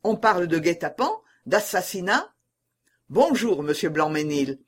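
A man's voice: sits high, sing-song, measured pace, husky, exaggerated voice. A man reading an audiobook and voicing an assured, scheming churchman who rallies his allies and the crowd. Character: scheming, assured male churchman, a leader of the people.

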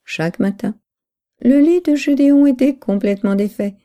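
A woman narrating a novel in a steady, measured storytelling voice. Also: sits high. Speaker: audiobook narrator.

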